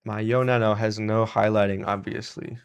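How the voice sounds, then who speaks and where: A man's voice: on the low side, little pitch movement, normal speed, creaky, smooth. A man hosting a casual live stream as he repairs electronics, chatting and laughing often as he thanks and greets his viewers. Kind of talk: casual live-stream chat while soldering.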